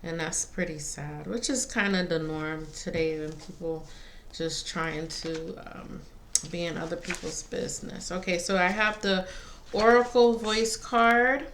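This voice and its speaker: A woman giving a casual spiritual card reading to viewers, pausing between phrases. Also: fairly low pitch, fairly even intonation, a bit bright. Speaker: tarot and oracle card reader. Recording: faint background noise.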